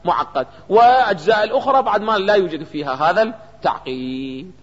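Iraqi guy teaching law class, keeps asking students stuff then answers himself, kinda high voice, echoey hall. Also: expressive, brisk. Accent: Iraqi Arabic. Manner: keeps firing rhetorical questions at students and answering them. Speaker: jurisprudence teacher. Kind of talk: seminary lecture on a legal text. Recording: reverberant hall, dull lo-fi sound.

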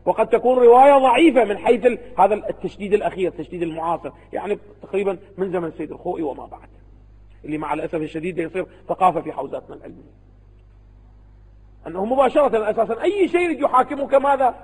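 Man, Iraqi Arabic accent, seminary lecture, rapid delivery, rhetorical questions, reverberant hall. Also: high-pitched, animated, a little mellow, husky. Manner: keeps asking rhetorical questions and answering them himself. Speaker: religious scholar teaching students.

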